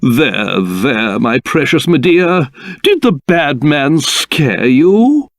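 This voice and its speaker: A man voicing a pompous, excitable old cursed king in a video game, with a British accent and old-fashioned, theatrical speech. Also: high-pitched, slow pace, no room sound, clean studio sound, full character voice. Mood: doting. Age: older. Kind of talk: video game character voice acting.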